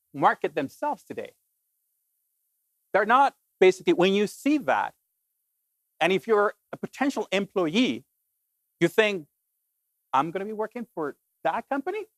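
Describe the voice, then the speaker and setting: Colombian-born guy giving a keynote, animated and emphatic, keeps saying basically, dry close sound. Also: high voice, no echo. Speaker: keynote speaker. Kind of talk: motivational talk to an audience.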